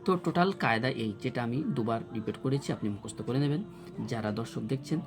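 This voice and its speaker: Man teaching Quran letters slowly. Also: mid-range voice. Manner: drills letters slowly with repetition. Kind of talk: slow recitation lesson.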